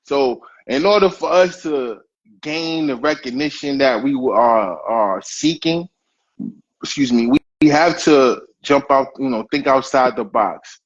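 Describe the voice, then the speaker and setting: A man's voice: medium pitch, unhurried. A man hosting a casual talk, emphatic and repeating his points as he gives advice. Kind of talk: casual podcast chat. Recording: dull lo-fi stream audio.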